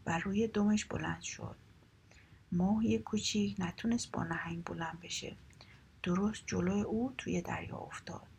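A woman reading a children's story aloud in a soft, half-whispered storytelling voice. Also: medium pitch, steady tone, gravelly, a little hiss or hum.

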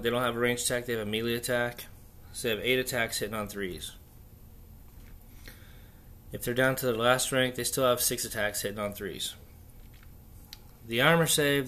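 A man hosting a casual, unscripted solo hobby chat, thinking aloud haltingly in an echoey, stripped-out bunker room. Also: mid-range voice, a bit bright. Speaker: podcast host. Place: echoey indoor room under renovation, torn-out walls.

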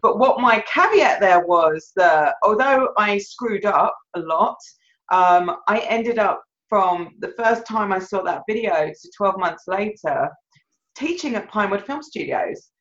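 A woman guest tells her career story in an animated, rambling way, often laughing at herself. Her voice comes through dull, slightly muffled remote-call audio. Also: mid-range voice, measured pace. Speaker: filmmaker and guest. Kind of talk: conversational interview storytelling.

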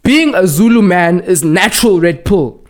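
A man's voice: high-pitched, lively intonation, moderate pace. A young man hosting a casual podcast, bantering in London roadman-style slang and repeating words for emphasis. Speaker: podcast host.

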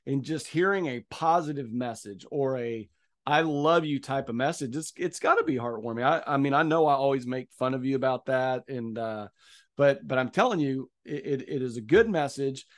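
A man's voice: medium pitch, moderate pace. A middle-aged man hosting a podcast in casual, joking chat with a longtime friend. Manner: joking, chatty, repeats phrases. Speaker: podcast host.

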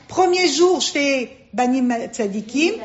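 Woman teacher, high voice, emphatic, poses and answers questions, lo-fi recording. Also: expressive, takes it slowly. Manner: emphatic, asks and answers her own questions. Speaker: religious teacher. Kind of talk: teaching a class to women. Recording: dull lo-fi recording.

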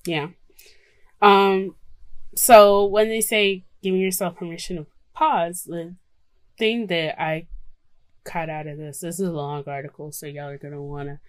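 Low-voiced woman podcaster, dry close sound. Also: fairly even intonation, unhurried, dry recording. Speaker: podcast co-host. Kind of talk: casual chat mixed with reading self-care advice aloud.

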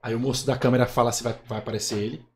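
A man, a clown and ventriloquist, chatting on a podcast and announcing his act like an excitable showman. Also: medium pitch, racing, roomy sound, a little hiss or hum. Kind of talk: podcast chat with a live comic bit.

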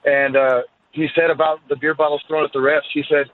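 Radio show caller over a tinny phone line. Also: male voice, on the high side, level tone, fairly quick. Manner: dry, sardonic, wry sarcasm. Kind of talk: call-in to a sports radio show. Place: in a car, driving. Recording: tinny phone line with faint road noise.

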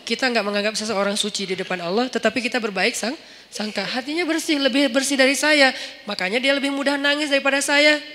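A man preaching in a casual, storytelling way with a light touch, acting out dialogue with lively shifts of voice in a large mosque hall. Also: extremely high pitch, fast talker. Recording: long hall reverb.

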